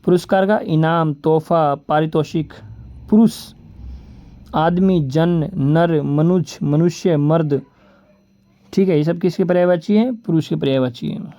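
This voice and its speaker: A male coaching teacher with a slightly high yet mellow, dark voice. He runs through lists of synonyms and calls his viewers "friends". The recording sounds a little dull and muffled. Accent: Rajasthani Hindi. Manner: lists words rapidly, repeating "ठीक है" and "बोलते हैं"; addresses viewers as "दोस्तों" and "भाई". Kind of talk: exam-prep vocabulary lesson.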